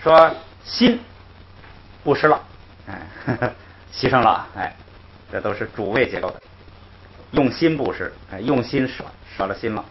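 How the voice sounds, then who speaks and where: A man teaching a grammar class, explaining patiently, repeating himself and chuckling softly between points. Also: mid-range voice, expressive, measured pace, long pauses. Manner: patient, repetitive, punctuates with "hey" and soft chuckles. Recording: dull lo-fi recording with faint noise.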